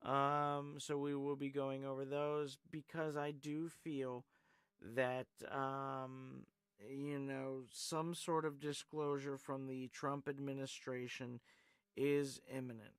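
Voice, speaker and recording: Speaking slowly in a mid-range voice with little pitch movement, a man hosts a call-in live stream. He rambles casually, fills gaps with fillers, and reads out what viewers write. His voice is smooth, and there's no room sound.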